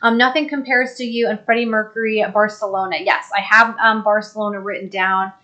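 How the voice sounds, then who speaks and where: A woman's voice: medium pitch, fairly even intonation, fairly quick, bright, forceful tone. A young woman co-hosting a casual live stream, reading viewer comments aloud and laughing easily. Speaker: co-host reading live chat.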